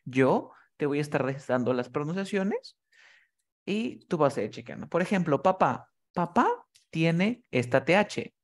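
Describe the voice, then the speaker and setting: A man's voice: a little high, animated, unhurried. A man teaching a one-on-one pronunciation lesson, patiently demonstrating sounds and coaxing his student. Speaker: English teacher.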